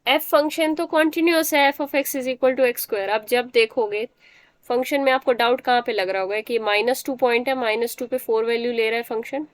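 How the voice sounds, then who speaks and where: A woman's voice: a little high, normal speed, dry recording. A woman teacher giving a math lecture, explaining step by step and often checking that the students understand.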